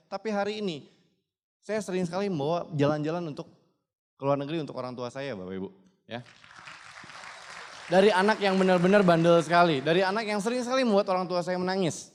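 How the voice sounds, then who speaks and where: This young man, in his twenties, speaks with a voice on the high side as he shares a motivational testimony at a business seminar. He keeps addressing the crowd with emphasis, and a long hall reverb surrounds the sound.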